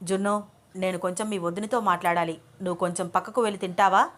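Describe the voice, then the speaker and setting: A woman's voice: fairly low pitch, steady tone, fast, close to an everyday voice. A woman voicing a stern young male lecturer who scolds his wife firmly. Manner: scolding, firm.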